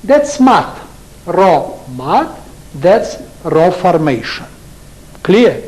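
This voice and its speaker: An older man with a Russian accent giving a university lecture, speaking in halting English and asking his students rhetorical questions. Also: sits high, sing-song, a little mellow, rough recording. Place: lecture hall.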